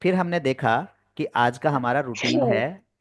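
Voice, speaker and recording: A man's voice: medium pitch, animated, unhurried, dry recording, clean studio sound. Man teaching English over a video call. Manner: explains in Hindi mixed with English terms, patient and repetitive. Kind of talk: online class lecture.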